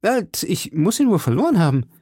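A man reading an audiobook, voicing a lively, playful young swordsman in a slightly raised voice. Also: sits high, a little fast, slightly rough, no room sound, studio quality, pitched above the performer's own voice, exaggerated voice. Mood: teasing. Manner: playful, mock-serious. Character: lively young male swordsman, teasing and warm.

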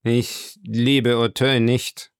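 An uneasy prosecutor from a storybook, stiff and formal, whose replies come out pressed and halting, as a male reader plays him. The voice is gravelly and recorded dry and close. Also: mid-range voice, animated, no echo. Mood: strained.

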